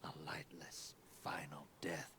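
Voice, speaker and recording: An actor playing a weathered, wry drifter in a video game, a haunted survivor who talks in a brooding, folksy storyteller's way with a gravelly voice. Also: male voice, very deep voice, flat delivery, takes it slowly, in a whisper, exaggerated voice. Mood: grim, haunted. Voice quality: gravelly, hushed at times. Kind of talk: video game cutscene acting.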